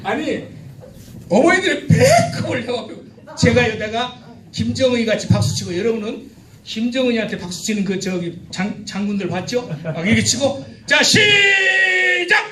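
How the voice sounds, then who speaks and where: A middle-aged man leading a joking, teasing seminar for a church crowd, sometimes shouting out cheers for the audience. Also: high voice, animated, moderate pace. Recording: echoey hall, distant mic, noisy.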